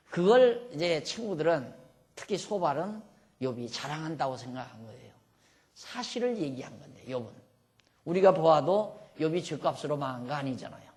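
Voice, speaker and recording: Man teaching a lively Bible lecture. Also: fairly high pitch. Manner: lively, dramatizes the speakers in the text.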